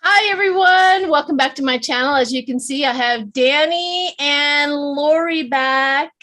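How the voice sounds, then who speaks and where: An older woman from Colorado hosting a casual tarot chat, chatty and upbeat, quick to laugh. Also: high voice, bright, forceful tone. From Colorado, USA. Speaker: tarot channel host.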